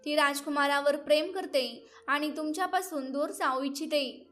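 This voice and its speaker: A woman voicing a rough, mocking male soldier in a plain storybook reading. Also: high voice, normal speed, fairly bright tone, faint music behind. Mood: taunting.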